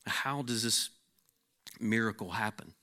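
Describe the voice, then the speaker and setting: Swinging from forceful high points to quiet, intense passages, a pastor delivers his sermon in a lowish voice at a slightly slow pace. He sometimes repeats a word when starting a phrase.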